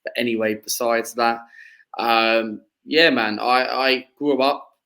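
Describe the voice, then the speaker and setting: A man's voice: mid-range voice, fairly even intonation, takes it slowly, creaky, pushed and bright, poor audio. A man in his twenties from southeast England, a football fan chatting as a podcast guest, rambling with many fillers and restarts. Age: 20s. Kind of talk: casual chat.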